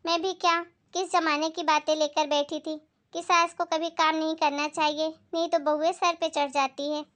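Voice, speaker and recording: A woman doing a sharp-tongued middle-aged mother-in-law in a family moral skit. She scolds in a very high voice. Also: flat delivery, moderate pace. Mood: remorseful. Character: nagging middle-aged mother-in-law who avoids housework.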